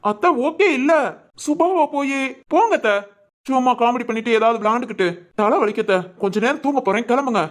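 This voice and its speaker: A man's voice: very high voice, a little fast. A man voicing a confused, easygoing young man in a comedy cartoon, bantering and brushing off his aunt. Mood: flustered.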